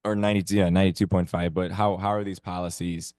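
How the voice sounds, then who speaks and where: A man with a hoarse, worn voice reports to a meeting. His pitch sits very low and barely moves. The sound is close and dry, with no room echo. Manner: steady, level report with frequent pauses. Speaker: teacher representative at a council meeting.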